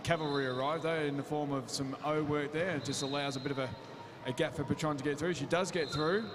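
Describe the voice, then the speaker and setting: Male play-by-play caller with a raised tone, long arena reverb behind loud venue noise. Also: fairly high pitch, fairly even intonation. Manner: brisk play-by-play, drops quiet and slow for injury stoppage. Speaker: roller derby commentator. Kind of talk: live sports commentary. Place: roller derby arena. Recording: echoey sports hall, loud crowd ambience.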